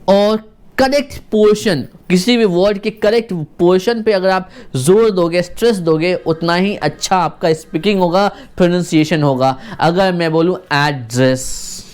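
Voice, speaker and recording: A pronunciation teacher giving an online video lesson, repeating sounds many times in a slow, deliberate demonstration and coaching the viewer with questions. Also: medium pitch, a little mellow, clear, resonant tone.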